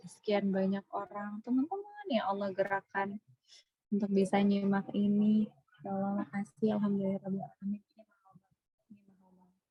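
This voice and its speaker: A woman hosts a casual religious talk session, chatty and warm, sprinkling Arabic praise phrases and soft laughs. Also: medium pitch, dry recording, rough recording. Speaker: host of an Islamic talk session.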